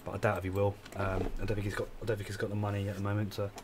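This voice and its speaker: A tired game streamer, yawning as he goes, rambles through casual live commentary on the game he's playing and keeps correcting himself. His fairly low, darkish voice is monotone and rapid-fire, with slight background noise.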